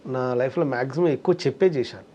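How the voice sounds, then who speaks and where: A man's voice: medium pitch, quick pace, mellow. A man, a comedian and mimic, talking in a casual interview and acting out quoted voices as he tells stories.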